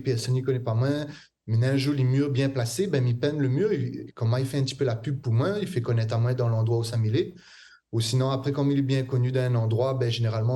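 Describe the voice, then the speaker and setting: Mellow-voiced man. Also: medium pitch. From Réunion. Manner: hesitant, many fillers and restarts. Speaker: guest artist. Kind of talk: casual interview answers.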